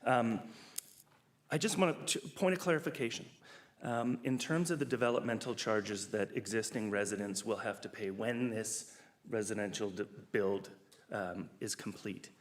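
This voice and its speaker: A man's voice: on the low side, steady tone, moderate pace. A man speaking as a resident at a council meeting, polite and conciliatory. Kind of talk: public comment at council meeting. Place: council chamber.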